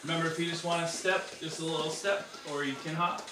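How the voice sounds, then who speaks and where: A man's voice: fairly high pitch, fairly even intonation, fast talker, noisy background. A man in his thirties working as an aerobics instructor, cueing a home workout with short, repeated, encouraging instructions. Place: small tiled room at home, indoors. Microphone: far camera across the room. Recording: roomy, distant camera mic with music.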